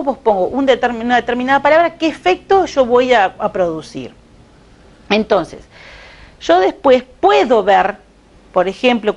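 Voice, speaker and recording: A woman teacher, giving a recorded lecture and reading excerpts slowly, with many rhetorical questions. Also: medium pitch.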